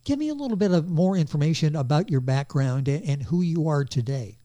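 A man hosting an interview program, introducing his guest in a polished manner and spelling details out slowly. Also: a little high, expressive, warm tone. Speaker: radio show host.

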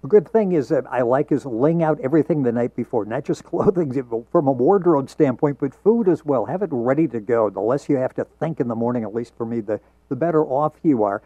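A man's voice: mid-range voice, lively intonation, fairly quick, few pauses, warm tone, no room sound. A man hosting a radio talk show, interviewing a guest, heard as recorded off the radio. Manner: friendly, leading the guest through tips. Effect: heard as taped off the radio. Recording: dull, dry radio broadcast recording.

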